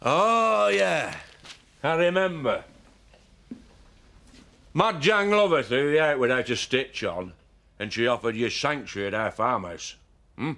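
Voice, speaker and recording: A man's voice: expressive, a little slow, gravelly, long pauses, bright, forceful tone, heavily acted. An actor playing a menacing, possessive man in a television soap drama, threatening and contemptuous. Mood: hostile. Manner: threatening, contemptuous, growling low at times. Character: menacing, possessive man defending his farmhouse.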